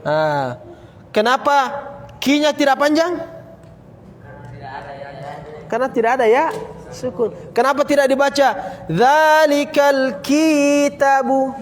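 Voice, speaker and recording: A man teaching a Quran recitation lesson, drilling students with repeated questions and slowly chanting example words. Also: very high-pitched, expressive, big-room sound. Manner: occasional coughs, casual. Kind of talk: classroom tajwid lesson.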